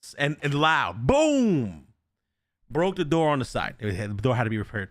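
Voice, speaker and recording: A young man on a podcast tells a haunted-house story in a loose, casual way. He swears freely and acts out every quote with real energy, his pitch swinging widely. The sound is close and dry. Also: lively intonation, very fast, no echo. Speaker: podcast host.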